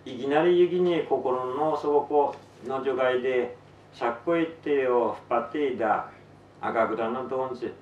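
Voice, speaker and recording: A man reading his own fiction aloud in Tsugaru dialect to an audience, in an unhurried, measured storytelling manner. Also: mid-range voice, lo-fi sound, a little hiss or hum. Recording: roomy, distant mic, faint ambience.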